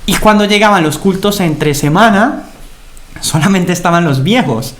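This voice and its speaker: A young man from Spain, a guest on a podcast, telling a long personal story in a thoughtful, steady way. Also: sits high, normal speed. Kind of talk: casual chat. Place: Germany.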